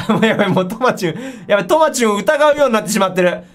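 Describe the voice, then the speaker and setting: A woman giving excitable commentary on a horror game, easily startled, often exclaiming and repeating her words. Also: medium pitch, racing. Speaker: game streamer. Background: music.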